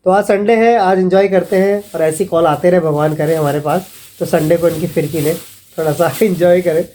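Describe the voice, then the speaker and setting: A man's voice: a little high, fairly even intonation, normal speed, warm tone. A man, vlogging in a casual, chatty way and calling his viewers friends as he mockingly retells scam calls. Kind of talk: casual vlog warning viewers.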